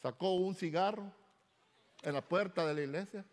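A male pastor in middle age speaks, his voice sitting slightly high. He tells his personal testimony in story form and acts out each person who speaks in it. His words ring out with a long reverb through a big hall. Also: normal speed. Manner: storytelling, animated, acts out quoted dialogue. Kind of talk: sermon testimony.

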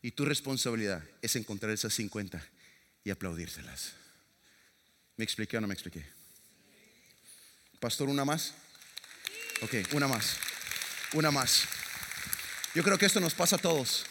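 Middle-aged preacher, bright and forceful, dramatic storytelling, reverberant church hall. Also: male voice, mid-range voice, moderate pace, long pauses. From Latin America. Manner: lively, dramatic storyteller with sound effects and jokes. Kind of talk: sermon with storytelling. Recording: long reverb of a large hall.

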